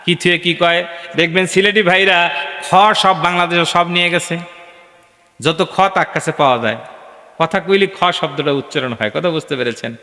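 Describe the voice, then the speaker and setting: A male preacher giving an animated sermon at a gathering, asking the crowd questions and chanting verses in a sung tone. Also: a little high. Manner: animated, asks the crowd questions and calls for responses. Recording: echoey hall with long reverb.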